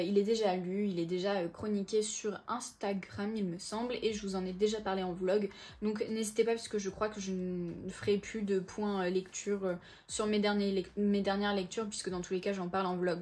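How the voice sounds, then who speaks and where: A woman's voice: mid-range voice, a little mellow. Chatty young woman hosting a book vlog. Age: 20s. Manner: chatty, full of hesitations and self-corrections. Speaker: book vlogger. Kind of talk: casual book haul chat.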